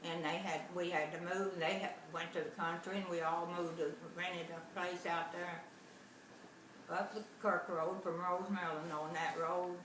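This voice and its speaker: A woman, slowly and haltingly recalling her childhood in a family interview. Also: on the low side, flat delivery. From Arkansas. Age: 90s. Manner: slow, halting recollection, hard of hearing. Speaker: interviewee, grandmother. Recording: echoey room, far mic, noisy.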